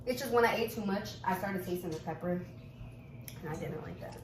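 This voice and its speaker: A woman's voice: on the low side, normal speed, recorded from a distance. A young woman chatting casually on a vlog in a sassy, teasing way. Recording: echoey room, very noisy.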